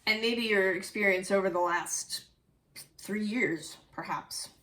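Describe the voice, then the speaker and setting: A woman's voice: medium pitch, measured pace, fairly bright tone. A woman giving a casual, reflective tarot reading, musing aloud and correcting herself as she goes. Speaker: tarot reader.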